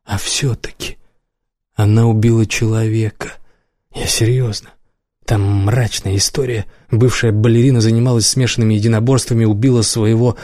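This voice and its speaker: A serious, wary man warning a friend in a low, grave tone. A male narrator voices him with a mellow sound in a dry close recording. Audiobook scene. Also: little pitch movement, moderate pace, dry recording, lightly acted.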